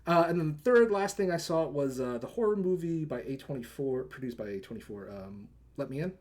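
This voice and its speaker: On a live movie show, this male co-host, mid-range and a bit dark in tone, speaks a little quickly with lively intonation. His plot recaps wander, full of "like" and "right?", and he performs characters' quoted lines as he goes.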